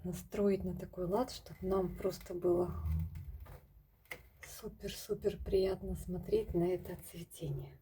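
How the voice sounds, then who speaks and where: A woman showing her houseplants in a casual vlog at home, speaking softly and often dropping to a whisper as she talks to her viewers. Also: on the low side, level tone, measured pace, slight background noise. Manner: soft-spoken, often drops to a whisper, addresses viewers as girls. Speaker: plant vlogger. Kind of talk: casual plant-collection vlog. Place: home among houseplants, indoors.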